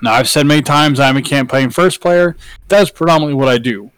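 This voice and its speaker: A man's voice: medium pitch, brisk, fairly bright tone, smooth, dry recording, rough recording. A man hosting a casual gaming podcast, talking in an opinionated, emphatic way. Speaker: podcast host.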